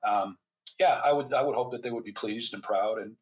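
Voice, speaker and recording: An older man, a physician and author, appears as a guest on a casual podcast and tells stories chattily, with wry asides and frequent restarts. His mid-range voice runs fairly quick, and the recording is muffled.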